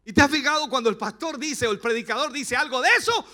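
A middle-aged man with a Chilean accent, preaching a sermon as pastor, passionate and rising to shouts. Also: very high voice, fast talker.

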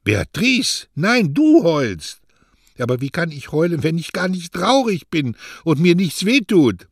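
A man voicing an eager, naive young postman in an audiobook reading, talking high and loud with excitement. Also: measured pace, breathy edge, dry recording, studio quality, exaggerated voice. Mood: overjoyed.

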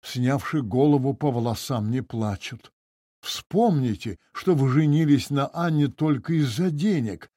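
A man's voice: mid-range voice, unhurried, warm tone, no room sound, clean studio sound, natural voice. A man reading the part of a timid, poor young technician who mumbles and stammers. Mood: flustered, sighing. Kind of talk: audiobook character reading.

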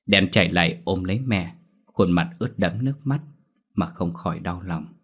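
A man narrating a horror story in a steady, measured storytelling voice. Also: sits low, breathy edge.

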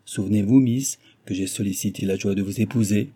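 A man's voice: on the low side, fairly quick, warm tone, slightly rough. A man voicing a scheming villainous suitor who speaks with mocking courtesy and a threat behind it. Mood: ironic. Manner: mocking, oily courtesy, grinding his teeth.

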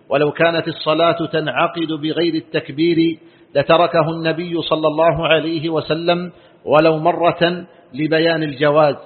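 Husky man reading flatly, tinny audio. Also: fairly high pitch. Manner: steady formal recitation. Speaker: student reading the text aloud. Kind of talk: reading a religious text aloud. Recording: tinny phone-like lo-fi recording.

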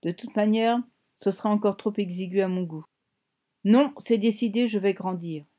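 A woman's voice: medium pitch, moderate pace, dark tone, natural voice. A woman reading an audiobook, voicing a bossy, scornful sister who lives as a voice inside a girl's head and speaks in a hammering, mocking way.

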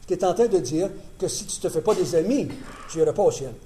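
A man's voice: sits high, expressive, fast, warm tone, a little hiss or hum. A male preacher giving a conversational sermon with emphatic repetition.

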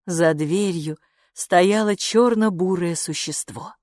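A woman reading a children's story aloud as narrator, with a lively, expressive delivery. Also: on the low side, slow pace, no echo, studio quality. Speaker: audiobook narrator. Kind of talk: scripted narration.

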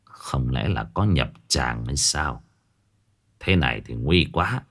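A cranky village sorcerer speaks low and gruff, as if he can't be bothered, voiced by a man narrating a ghost story. His tone drops deeper than the narrator's own. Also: big pitch swings, a little fast. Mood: wary. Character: grumpy middle-aged male sorcerer, gruff.

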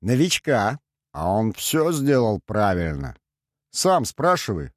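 A man's voice: on the low side, big pitch swings, slow pace, dry recording, studio quality. A man voicing a cheerful, mocking male astrologer in an audiobook, teasing and amused.

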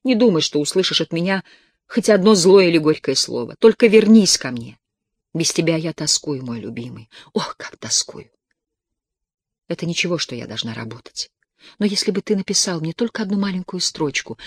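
A worn-out young country woman speaks softly and pleads in a hushed, tired voice, as a male audiobook reader voices her. The voice sits fairly high for a man and sounds dry and close, with no room around it. It keeps a quiet, aching tone. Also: lively intonation, moderate pace, breathy edge, no room sound. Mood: longing. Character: weary, desperate young peasant woman. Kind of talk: audiobook reading.

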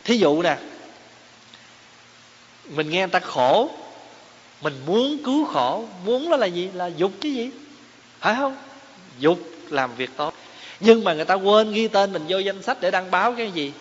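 Guy teaching buddhism, kinda high voice, echoey hall, muffled with hiss. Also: big pitch swings, a little slow, pauses often, breathy edge. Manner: explains terms, poses rhetorical questions to listeners. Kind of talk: dharma talk. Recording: echoey hall, dull lo-fi sound, faint hiss.

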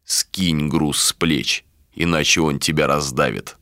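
A man doing a cold, contemptuous ruler for an audiobook, speaking low and slow and weighing every word. His tone is bright and edgy, and it sits in a dry, close recording. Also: steady tone, no echo, heavily acted. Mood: cold, commanding. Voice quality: low and measured.

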